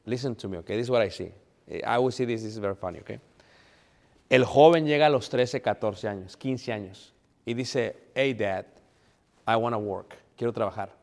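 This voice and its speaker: A man's voice: mid-range voice, normal speed, gravelly, darkish tone. Bilingual preacher man in a reverberant hall. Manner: preachy, addresses congregation as brothers, mixes English phrases. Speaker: pastor. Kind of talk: sermon. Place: church.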